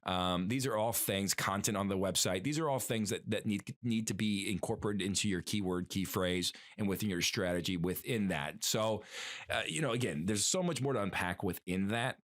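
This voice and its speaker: A man's voice: on the low side, moderate pace. A man co-hosting a podcast in casual chat, rambling with many fillers and restarts. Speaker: podcast co-host.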